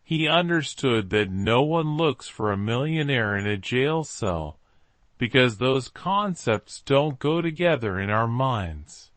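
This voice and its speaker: A man's voice: medium pitch, expressive, slow, a bit bright, no echo. A man voicing a thoughtful, self-assured detective in story dialogue, in a reflective fireside storytelling manner. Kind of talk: story dialogue read by narrator.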